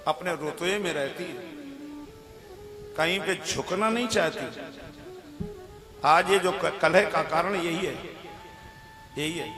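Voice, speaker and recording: Man preaching a folksy story, high voice, echoey hall, music under it. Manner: lively, humorous, folksy. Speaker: devotional storyteller. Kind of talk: devotional story sermon. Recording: roomy hall with music behind.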